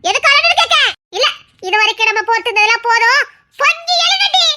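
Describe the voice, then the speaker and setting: A woman's voice: very high voice, expressive, fairly quick, pushed and bright, exaggerated voice. A woman doing a tearful, whining mother-in-law. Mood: self-pitying. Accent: Tirunelveli Tamil. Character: weeping, self-pitying mother-in-law. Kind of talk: comic fan dub of a TV serial.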